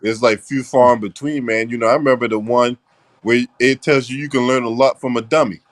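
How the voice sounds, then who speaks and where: Man, mid-pitched voice, laid-back and slangy in a casual podcast chat. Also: steady tone, fairly quick, dry recording, studio quality.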